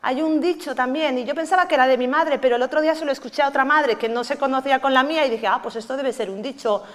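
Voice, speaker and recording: Woman pastor, middle-aged, high voice, chatty sermon delivery in a reverberant church. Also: fast, fairly bright tone. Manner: conversational preaching with frequent tag questions.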